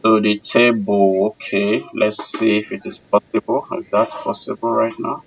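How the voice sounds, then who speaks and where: The instructor of an online technical course runs a live class and takes questions, formal and courteous, addressing learners as sir and repeating phrases for emphasis. His lowish, creaky, somewhat bright voice is flat at normal speed. The distant recording sounds dull, with a little hiss or hum.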